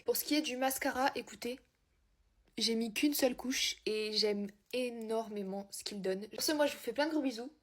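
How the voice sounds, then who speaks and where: A woman's voice: a little high, a little mellow, breathy edge. A young woman beauty vlogger chatting casually and slangily as she does her makeup, swearing now and then. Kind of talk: casual chat while doing makeup.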